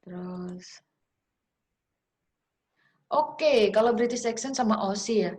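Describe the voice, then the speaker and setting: Young woman, English teacher, informal lecture, chatty, encouraging, lots of fillers, medium pitch. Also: takes it slowly, darkish tone. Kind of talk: informal online class lecture.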